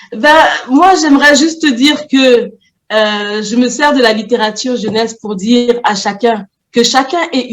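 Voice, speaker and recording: A woman, a mother and children's book author from France, answering interview questions thoughtfully with many pauses and restarts. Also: a little high. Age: adult, a mother.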